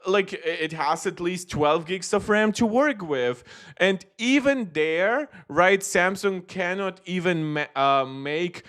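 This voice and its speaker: A man's voice: high voice, animated, slow, fairly bright tone. A young man from Moldova, a native Russian speaker, commenting live on tech news in a rambling, self-correcting way with many fillers. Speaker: tech YouTuber.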